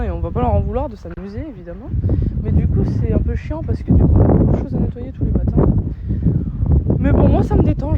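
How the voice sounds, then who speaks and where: A young woman with a voice on the high side chats playfully and casually to her vlog viewers, slangy and eager for their opinions, filming on a handheld phone. The audio is dull and lo-fi, with music behind her and heavy background noise.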